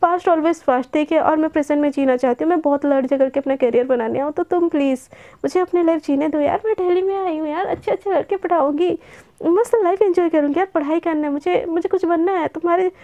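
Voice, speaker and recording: A woman's voice: high-pitched, fast talker, warm tone. A woman playing a curt, defiant young woman. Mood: brusque. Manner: curt, dismissive. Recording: dull lo-fi recording.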